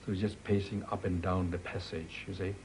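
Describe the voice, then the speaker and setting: A man interviewed about a former business partner, speaking haltingly with broken grammar. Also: low-pitched, flat delivery, a little hiss or hum, low-quality recording. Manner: halting, hesitant speech with nonstandard grammar. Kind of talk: interview answers.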